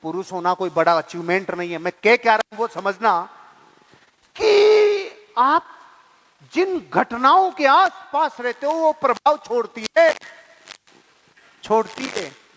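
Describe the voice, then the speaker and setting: With an extremely high, slightly bright voice, a male motivational speaker and network marketing leadership trainer gives an expressive seminar talk at a measured pace, pausing often. He repeats key phrases, asks rhetorical questions, and speaks colloquially with English words mixed in, all under long hall reverb.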